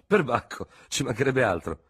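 A man voicing a young male army lieutenant, excitable and defensive, speaking in high-pitched, indignant outbursts. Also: moderate pace, slightly rough, full character voice. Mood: outraged.

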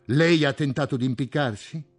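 A man reading an audiobook, voicing a calm, patient man with a gently ironic manner. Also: medium pitch, moderate pace, faint music behind, pitched above the performer's own voice, close to an everyday voice.

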